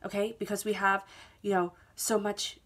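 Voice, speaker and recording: A woman with a head cold offers a soothing, reassuring monthly tarot reading to camera, indoors at a table with the cards laid out. Her mid-range voice is fairly bright but flat in delivery, at normal speed, and she keeps checking in with "okay?".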